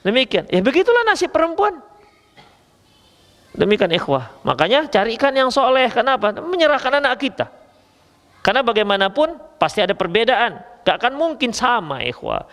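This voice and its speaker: A man's voice: high-pitched, big-room sound. A man preaching a religious lecture in a casual, joking way with a Medan accent. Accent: Medan Indonesian. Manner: lively, joking, addresses listeners as ikhwah. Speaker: Islamic preacher.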